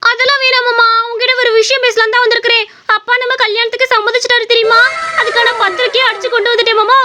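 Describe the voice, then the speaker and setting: A woman's voice: very high-pitched, level tone, rapid-fire, noisy background. A woman voicing a shy, affectionate young village bride-to-be in a cartoon story, coaxing her fiancé. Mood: excited. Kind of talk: cartoon voice acting.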